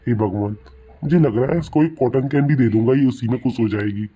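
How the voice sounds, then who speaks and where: A man's voice: mid-range voice, fairly quick, husky, lo-fi sound, lightly acted. A young man playing a long-suffering husband in a comic family skit, muttering asides to himself. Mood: grumbling. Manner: grumbling asides.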